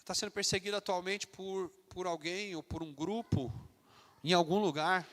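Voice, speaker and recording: A man with a São Paulo Brazilian accent preaching a sermon to a church, animated and emphatic, slipping into mocking voices. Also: high-pitched, normal speed. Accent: Brazilian Portuguese, São Paulo. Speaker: pastor. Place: church hall. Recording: long church hall reverb.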